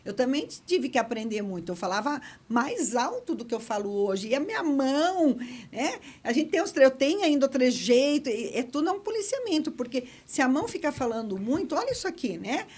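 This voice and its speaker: A middle-aged woman hosting a casual podcast, teaching public speaking in an expressive way and gesturing a lot as she talks. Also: high voice, a little fast.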